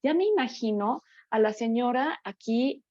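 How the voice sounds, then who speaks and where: A woman's voice: fairly high pitch, lively intonation, unhurried, dark tone, no room sound. A woman giving a workshop talk on grief, conversational, with frequent fillers and tag questions. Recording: dull, dry sound.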